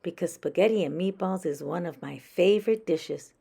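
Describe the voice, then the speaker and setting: A woman's voice: lowish voice, normal speed, creaky, mellow, husky, exaggerated voice. A woman voicing a hearty, pleasant father animal in a children's storybook, in a plain, declarative manner. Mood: pleased.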